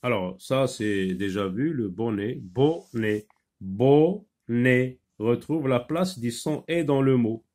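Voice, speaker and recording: Slow, patient man teaching phonics. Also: medium pitch, darkish tone. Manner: slow, patient, with many pauses and fillers; switches between French and Arabic explanations. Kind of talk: phonics lesson.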